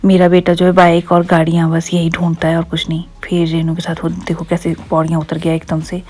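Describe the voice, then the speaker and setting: A woman's voice: lowish voice, completely flat delivery, fairly quick, darkish tone. A young woman narrating a voice-over, recounting events to her viewers and quoting what others said. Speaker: vlogger narrating a clip. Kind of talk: casual voice-over storytelling.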